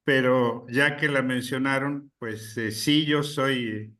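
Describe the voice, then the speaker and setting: A man from Chile, a guest speaker, giving a deliberate political talk with many pauses and fillers. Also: mid-range voice, fairly even intonation, fairly bright tone, far from the mic.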